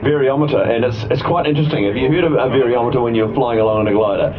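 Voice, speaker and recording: A man's voice: mid-range voice, rapid-fire. A man doing informal, chatty airshow commentary, speaking directly to the crowd. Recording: dull outdoor PA with music behind.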